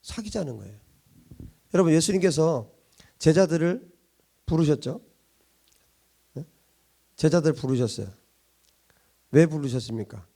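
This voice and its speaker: A man's voice: on the high side, lively intonation, measured pace, gravelly, long pauses, dark tone. A middle-aged man pastor giving a sermon in a conversational style, chuckling often and asking many rhetorical questions.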